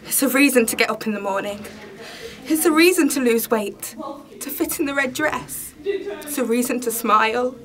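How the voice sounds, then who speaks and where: A woman reads a hopeful mother who wants to be seen and liked, delivering the monologue earnestly and steadily. Her voice is fairly high, with background chatter behind her. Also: normal speed, lightly acted. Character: hopeful middle-aged mother longing to be liked. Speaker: auditioning actress. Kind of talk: audition reading.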